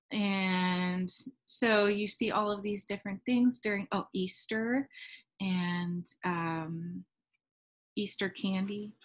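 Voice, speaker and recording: A woman music teacher giving a patient lesson to her class, counting rhythms in syllables and often pausing with "um". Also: medium pitch, fairly bright tone. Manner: patient, with frequent ums.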